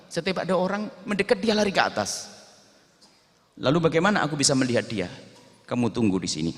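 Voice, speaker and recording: A male preacher voicing an adult shepherd who explains things plainly and calmly. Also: on the high side, in a large hall.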